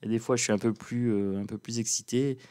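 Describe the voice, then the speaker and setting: A man with a calm, slightly sleepy morning voice, chatting easily and playfully to his viewers. His pitch sits in the ordinary middle range, and he takes his time, relaxed and friendly, as he shows a deck of cards. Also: a little fast, smooth. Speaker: cartomancer presenting an oracle deck. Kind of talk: casual chat to viewers.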